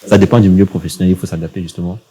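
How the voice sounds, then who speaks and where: A young man with a Cameroonian accent speaks in a low, dark, mellow voice. He co-hosts a relaxed podcast and tells his own story with animation and frequent laughter. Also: racing. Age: young adult. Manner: lively storytelling, laughs often. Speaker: podcast co-host. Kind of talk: casual podcast conversation.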